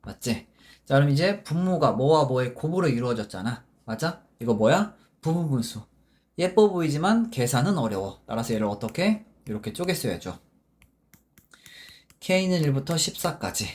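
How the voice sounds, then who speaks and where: A man's voice: medium pitch, big pitch swings, normal speed, a little mellow. A man teaching a math lesson in a casual, informal way, working problems step by step and often stopping to ask if the students follow. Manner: informal, constantly checking understanding with short tag questions; talks while working problems step by step, with self-corrections.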